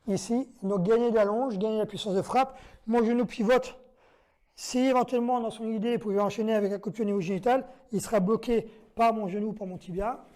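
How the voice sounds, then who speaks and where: A self-defense instructor with a high, slightly mellow voice and fairly even intonation speaks briskly in a demonstration lesson. He methodically walks through each move, counting them out, giving short commands to a training partner, and checking in with "d'accord?"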